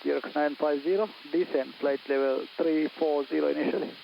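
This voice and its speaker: A man's voice: a little high, steady tone, brisk, vocal fry. A male air traffic controller giving terse instructions in clipped phraseology over an aviation radio, like a helmet radio. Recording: dull lo-fi radio with faint hiss.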